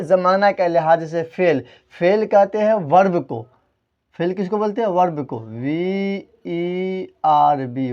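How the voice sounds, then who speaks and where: A man's voice: sits high, darkish tone, muffled recording. A man teaching a grammar lesson at a board, who keeps asking the class questions, answers them himself and spells words out letter by letter. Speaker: Urdu teacher.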